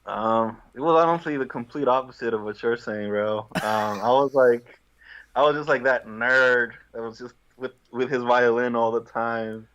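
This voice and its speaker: A man's voice: mid-range voice, fairly even intonation, moderate pace, fairly bright tone. Easygoing man on dull video-call audio. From Guatemala. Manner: easygoing, laughs often, self-deprecating. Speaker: musician guest. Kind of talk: casual interview.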